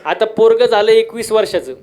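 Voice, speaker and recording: High-voiced man preaching a comic kirtan. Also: animated, unhurried, a little mellow. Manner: quizzes the crowd for call-and-response answers; storytelling with repeated refrains. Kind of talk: humorous devotional kirtan sermon.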